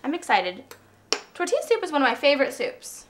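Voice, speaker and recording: A woman's voice: high-pitched, sing-song, fairly quick, background noise. A young woman co-hosting a casual cooking show, upbeat and giggly as she chats and reads out movie trivia.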